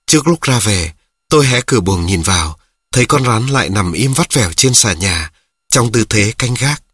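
A man narrating a children's story in a steady reading voice, speaking directly to his listeners. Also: fairly low pitch, normal speed, slightly rough, no echo.

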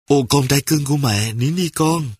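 A man's voice: mid-range voice, normal speed, slightly rough, no echo, studio quality, pitched above the performer's own voice, lightly acted. A man voicing an estranged mother who answers her son sharply. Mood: stern.

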